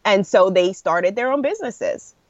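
A woman in her thirties from New York speaks as an interview guest, spinning stories with easy laughs and lots of "you know". Her voice sits at a middle pitch. The audio is a touch muffled and dry, with no room sound. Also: animated, moderate pace, no room sound. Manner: warm storytelling with frequent laughs and "you know". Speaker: podcast guest, entrepreneur. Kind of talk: casual interview conversation.

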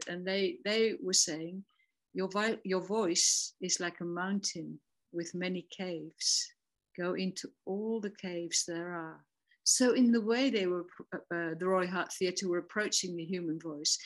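A woman's voice: lowish voice, fairly bright tone. A reflective woman, a voice dialogue facilitator, talking through her story in a conversational interview with small laughs and restarts.

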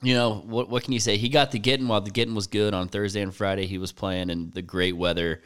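A man with a low voice recaps a golf tournament on a podcast. He is laid-back and wry, and he works in dry jokes as he goes. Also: steady tone, quick pace, clean tone. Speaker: podcast co-host. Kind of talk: casual golf chat.

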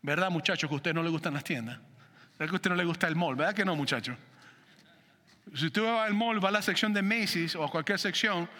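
A man preaching a sermon in church, telling a personal story with animated delivery and asking the congregation questions. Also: high voice, a little fast, big-room sound. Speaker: pastor.

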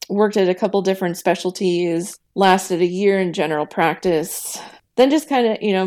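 Candid, laughing woman, lowish voice. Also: darkish tone. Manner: candid, laughs often, acts out her own past remarks. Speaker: guest, veterinary technician and ER manager. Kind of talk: conversational podcast interview.

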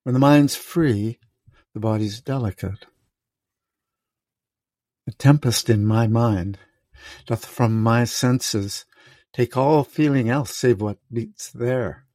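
A man reading a raging old king, slow verse. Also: medium pitch, darkish tone, no echo, lightly acted. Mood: anguished. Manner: slow, declaiming verse with heavy pauses. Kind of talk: reading a play aloud.

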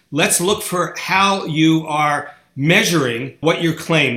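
A man argues his points bluntly as an interview guest. His voice is bright and slightly high, and it rings in a roomy, echoey space. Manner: blunt, argumentative. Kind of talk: interview answers. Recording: echoey room.

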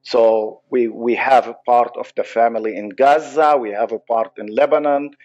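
A man's voice: mid-range voice, fairly even intonation, a little mellow. Earnest Palestinian-accented man, lo-fi audio. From Israel. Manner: earnest, halting, many restarts. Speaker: psychologist guest. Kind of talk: podcast interview.

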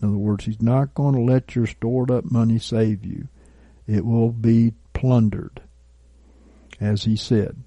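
A man preaching a sermon, deliberate and measured, reading scripture aloud and dropping to quiet asides. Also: mid-range voice, steady tone, husky, no echo, dull audio. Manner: reads scripture and prophecy aloud. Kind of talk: recorded sermon teaching.

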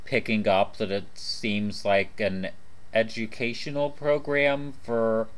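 A man's voice: lowish voice, little pitch movement, slow. A man co-hosting a casual podcast, talking informally and freely swearing, with half his mouth numb from the dentist. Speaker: podcast co-host.

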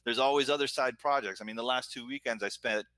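Speaking fast in a mid-range voice with a sharp edge, this middle-aged Florida entrepreneur and business owner appears as a guest in a casual chat. With an American accent, he reflects earnestly and at length on himself. The recording is dry.

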